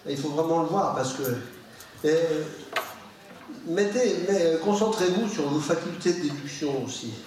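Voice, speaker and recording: A man lecturing to a public audience in a slightly high voice, lively and informal, given to asides and muttered remarks. He sounds far from the microphone. The sound rings around a large, very echoey hall. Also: moderate pace, slight background noise. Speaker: professor giving a public lecture.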